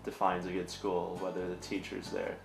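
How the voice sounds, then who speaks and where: A man's voice: sits low, monotone, normal speed, creaky, echoey room, over music. A young man telling his story in a documentary interview with dry, sarcastic humor. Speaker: student interviewee.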